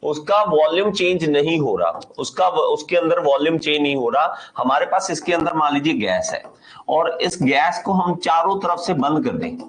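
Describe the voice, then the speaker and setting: A man's voice: fairly high pitch, rough recording. A man with an Indian accent teaching an engineering class, explaining with lots of repetition and questions to the students. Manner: animated explaining, repeats and quizzes the class; slow dictation when reading out a definition. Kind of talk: classroom lecture.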